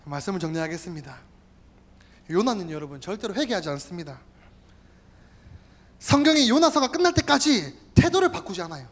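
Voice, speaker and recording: Earnest male pastor with lively pitch. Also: fairly quick, long pauses. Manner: earnest, exhorting, repeatedly addresses the listeners. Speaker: youth group pastor. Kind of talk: sermon. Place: church. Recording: instrumental music playing behind.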